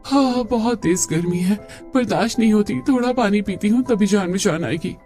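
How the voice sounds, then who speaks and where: A man's voice: sits high, normal speed, a little mellow, soft background music, voice pushed up, natural voice. Man voicing a weary young village wife.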